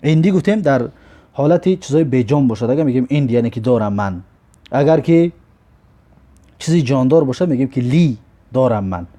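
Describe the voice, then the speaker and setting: A man teaching an Arabic grammar lesson. He patiently repeats each example word slowly, then explains it step by step. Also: medium pitch, lively intonation, dark tone.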